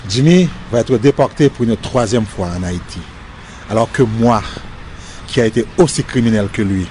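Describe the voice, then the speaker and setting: A man's voice: fairly low pitch, lively intonation, normal speed, a little mellow, slight background noise. Earnest man outdoors. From Haiti. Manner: earnest, direct, addresses a listener by name. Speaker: former inmate speaking to camera. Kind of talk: documentary address. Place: outdoors in front of a prison.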